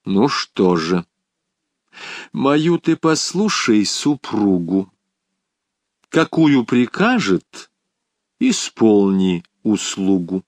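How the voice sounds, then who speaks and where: Wise old teacher read by a male narrator, slow, measured, dry sound. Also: on the low side, sing-song, no room sound, exaggerated voice. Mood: wry.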